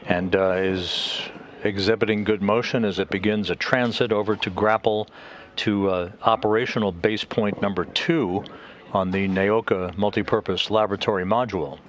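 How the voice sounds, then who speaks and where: A man giving live technical commentary in measured, halting phrases. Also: on the low side, steady tone. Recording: faint background noise.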